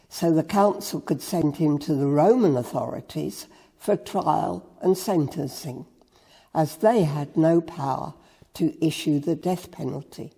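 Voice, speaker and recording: Brief: slow, husky reader of a meditation with a long reverb. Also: mid-range voice, warm tone. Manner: slow, measured storytelling. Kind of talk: Good Friday meditation reading.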